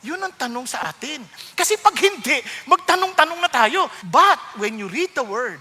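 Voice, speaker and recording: A man's voice: extremely high pitch, moderate pace. A man with a Filipino accent preaching a sermon, switching between Tagalog and English and acting out the voices of complainers. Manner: animated, mixes Tagalog and English, acts out complainers. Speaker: pastor. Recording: long hall reverb.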